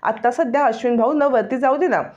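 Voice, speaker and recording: A woman reading the lines of a gentle young wife who pleads softly to keep the peace. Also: a little high, brisk, natural voice. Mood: pleading. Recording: dull lo-fi recording.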